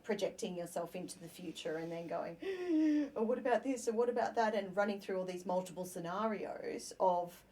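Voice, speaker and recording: A woman with a fairly low voice talks through ideas in a relaxed podcast conversation. She is lively and acts out snippets of her own thinking as little quoted scenes. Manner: animated, acts out quoted inner dialogue. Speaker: podcast host. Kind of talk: casual conversational chat.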